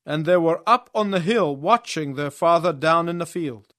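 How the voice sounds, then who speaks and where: Higher-voiced male preacher, dry close sound. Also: a bit bright, no echo. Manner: storytelling, pausing in short phrases for the interpreter. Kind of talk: sermon with live interpretation.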